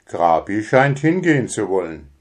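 A man's voice: lowish voice, big pitch swings, normal speed. A man voicing a grumbling, evasive male mole father in a children's storybook. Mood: sheepish. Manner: grumbling, sulky.

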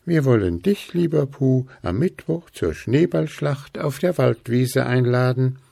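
A man's voice: mid-range voice, expressive, measured pace, gravelly, warm tone, slightly rough, dry recording, voice pushed up, exaggerated voice. A man voicing a group of little rabbit children who chatter eagerly.

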